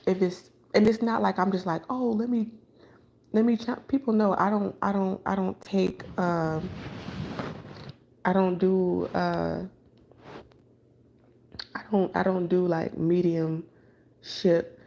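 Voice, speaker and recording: A woman's voice: fairly low pitch, steady tone, takes it slowly, gravelly, long pauses, darkish tone, lo-fi sound, slight background noise. A woman who reads tarot, talking in a late-night spiritual monologue after staying up all night, loose and blunt, with restarts and casual swearing. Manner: loose, conversational, with filler words and frequent restarts. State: up all night without sleep. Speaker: tarot reader.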